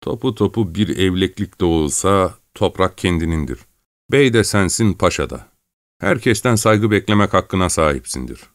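Gruff, proud tramp as the narrator puts him on, deep and dry. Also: male voice, lively intonation, normal speed, no echo. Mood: wistful. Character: hardened male vagabond, proud and hot-tempered.

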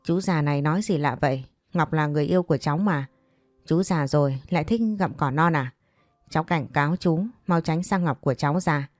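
A woman's voice: sits low, brisk, no echo, faint music behind, natural voice. A woman reading an audio story, voicing a brash young male student who talks mockingly.

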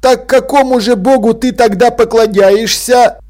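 A weepy, devout schoolboy whimpers and sniffles through every line, as a man puts him on. The voice sits well above the reader's own and drags along slowly. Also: very high-pitched, steady tone, a little mellow, voice pushed up. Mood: whimpering.

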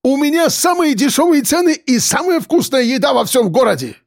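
A man voicing a hot-tempered middle-aged male cafe owner, loud and pleading. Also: sits high, big pitch swings, normal speed, no echo, studio quality, pitched above the performer's own voice, heavily acted. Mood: indignant.

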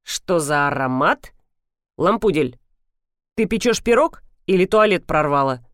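A woman voicing an ironic, commanding grown man who speaks slowly and dryly. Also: sits low, animated, a bit bright, no room sound. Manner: slow, dry, commanding.

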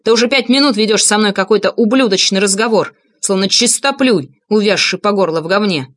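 A woman reading a blustering, gruff angry man. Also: on the low side, moderate pace, no echo, lightly acted. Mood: furious. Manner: gruff, trying to sound menacing. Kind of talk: audiobook reading.

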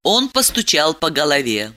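A woman narrating a novel in an expressive, dramatic storytelling manner. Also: sits low, normal speed. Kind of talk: audiobook reading.

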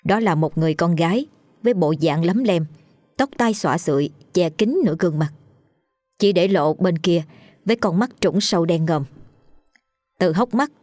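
A woman telling a ghost story in steady, dramatic narration. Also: fairly low pitch, normal speed, pauses often, no echo, clean studio sound, faint music behind.

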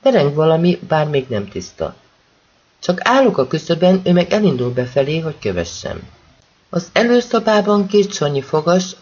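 Husky male audiobook narrator. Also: on the high side, dull audio. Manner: expressive first-person narration. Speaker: audiobook reader. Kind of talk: scripted narration of a novel.

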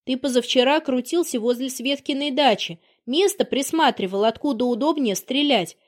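A woman's voice: sits high, normal speed. A woman reading a scornful jilted woman. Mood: accusing. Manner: biting, scornful. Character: furious jilted woman, sharp-tongued and accusing.

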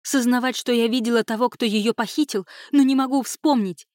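A woman reading an audiobook, voicing a distraught young woman who shouts accusations through tears. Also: fairly high pitch, fairly quick, no room sound, studio quality, pitched above the performer's own voice, natural voice. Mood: furious, tearful.

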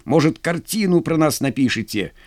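A man voicing a wounded, fearless young naval lieutenant who shouts commands in an audiobook. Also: a little high, big pitch swings, unhurried. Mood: defiant. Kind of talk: audiobook character voice.

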